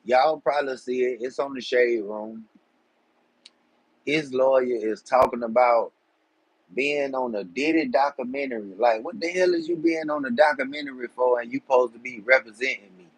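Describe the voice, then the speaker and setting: A man's voice: medium pitch, moderate pace, slightly rough, no echo, poor audio. A man, hosting a casual live stream and chatting loosely with viewers in streetwise slang. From Georgia, USA. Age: 40s. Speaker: livestream host.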